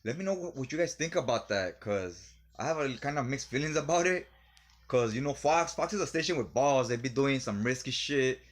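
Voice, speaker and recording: A man talks into the camera for his own vlog, relaxed and rambling, a little tipsy from drinking. His voice sits at an ordinary male pitch. The talk is loose and conversational. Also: a little fast. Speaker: video host. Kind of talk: casual vlog commentary.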